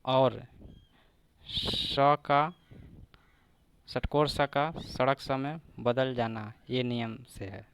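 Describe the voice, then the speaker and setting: A man teaching a grammar lesson for exam preparation, slowly breaking down each example word by word and repeating it. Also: medium pitch, flat delivery, a bit bright, a little hiss or hum.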